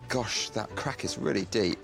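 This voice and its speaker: A man's voice: lowish voice, moderate pace, vocal fry, over music. A man restorer chattily explaining a wood repair, laughing at himself as he works. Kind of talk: explaining his work.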